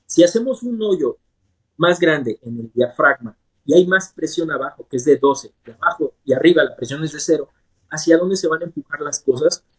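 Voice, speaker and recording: A man's voice: fairly high pitch, brisk, a bit bright, breathy edge. A man, a gastrointestinal surgeon, explains medical ideas in plain terms as an interview guest. He speaks in a patient, teacherly way and often checks that he is understood.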